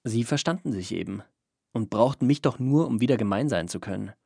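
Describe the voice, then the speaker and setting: A man narrating a first-person story in a calm, even storytelling manner. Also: mid-range voice, brisk, creaky, husky, no room sound, clean studio sound. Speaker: audiobook narrator.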